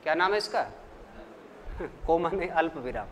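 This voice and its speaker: A man teaching a lesson, asking the class questions and answering them himself in a slow, deliberate way. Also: a little high, lively intonation, big-room sound, slight background noise. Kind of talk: classroom lecture.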